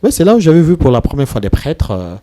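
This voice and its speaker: A priest from the Democratic Republic of the Congo speaks with a Congolese French accent in a mellow, sing-song, medium-pitched male voice. Unhurried, measured and hesitant, with many pauses and fillers, he talks casually in an interview, mixing French and Lingala. He's in a TV studio.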